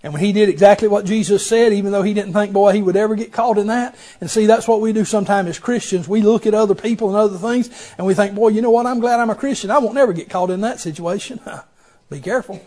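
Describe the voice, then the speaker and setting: A man preaching with a very high, strained voice. He chants his lines in a rising preaching cadence, swinging from hushed stretches to shouting, and he drops "amen" and "boy" throughout. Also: fast. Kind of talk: impassioned sermon.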